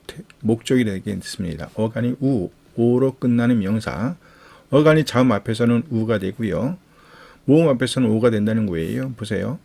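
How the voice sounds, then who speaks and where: Gravelly low-voiced man teaching vocabulary. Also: darkish tone. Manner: patient, repeats each word several times. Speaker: Greek Bible teacher. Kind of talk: vocabulary lecture with repeated drills.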